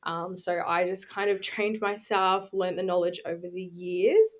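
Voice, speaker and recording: Unhurried and on the low side, this woman's voice belongs to a podcast guest in her 20s who competes in bodybuilding. She's from New Zealand but grew up on Australia's Gold Coast, and she chats informally while sharing personal stories.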